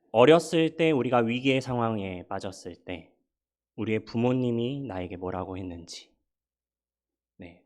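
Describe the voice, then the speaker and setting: A man's voice: fairly low pitch, a little mellow. A middle-aged male pastor giving a sermon in a conversational, humorous and persuasive way.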